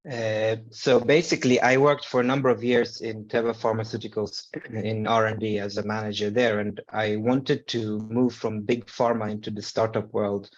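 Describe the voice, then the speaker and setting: A man's voice: lowish voice, flat delivery, moderate pace, highs cut off. A middle-aged man from Sweden speaking as an alumni guest on a video call, hesitant with many fillers. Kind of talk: casual panel answers on video call.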